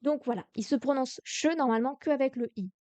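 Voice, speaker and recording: A woman's voice: sits high, a little fast, dark tone, dry recording. A young French woman teaching Korean grammar on a live stream, explaining patiently with many hesitations and restarts, sounding tired. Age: young adult.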